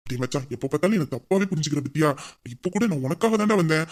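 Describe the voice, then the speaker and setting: A man's voice: on the high side, lively intonation, rapid-fire, pitched below the performer's own voice. A man voicing a sly young male friend who pleads and wheedles nonstop in a casual audio story. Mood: pleading.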